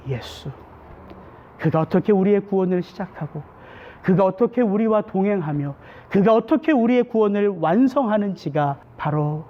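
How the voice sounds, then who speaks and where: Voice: mid-range voice, muffled recording. A pastor delivering a Sunday sermon in a church, preaching with many rhetorical questions. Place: church sanctuary.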